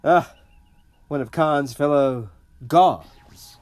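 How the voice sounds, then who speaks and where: An actor playing a ruthless, arrogant starship captain in an audio drama, commanding and smug in a clipped delivery. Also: male voice, on the high side, drawn-out words, a little mellow, clear, resonant tone, no echo. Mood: smug, menacing. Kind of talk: dramatic audio comic acting.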